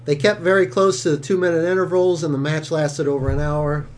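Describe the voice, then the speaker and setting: A man with a somewhat high voice talks through a match in relaxed commentary. He recaps history in an informative, matter-of-fact way and slips in dry jokes. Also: fairly quick. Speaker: co-host of a wrestling watch-along.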